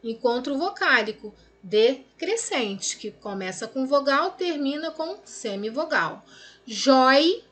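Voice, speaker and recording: A woman with a Brazilian Portuguese accent corrects exercises in a recorded grammar lesson, speaking in a high, slightly bright voice that is very animated but slow. She explains step by step, stretches words out syllable by syllable, and often checks in with her students.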